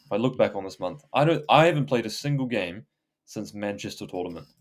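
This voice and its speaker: Low-voiced man, casual podcast chat. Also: animated, fairly quick. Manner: rambling, many fillers and restarts, laughs easily. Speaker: podcast co-host.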